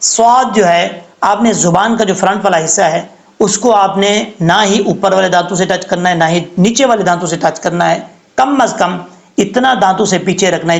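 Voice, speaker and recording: A man with a high voice teaches recitation, patiently walking through each letter and its sound. His explanations are careful and methodical, like a teacher in a slow lesson. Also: creaky. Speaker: Quran tajweed teacher.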